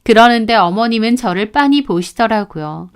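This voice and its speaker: Brief: woman storyteller, smooth resonant voice, indignant and aggrieved, slightly high. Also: expressive, normal speed. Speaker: narrator. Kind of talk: storytelling narration.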